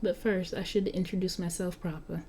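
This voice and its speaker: A cocky undead street kid with a Southern US drawl, rattling off slangy asides as a woman reads the part in an interactive story. The voice is soft and mellow rather than bright. A faint noise sits under the recording. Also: lowish voice, fairly even intonation, moderate pace, lightly acted. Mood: flippant. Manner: chatty, flippant, slangy. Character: cocky young-looking vampire, century-old street kid. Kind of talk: reading an interactive story aloud.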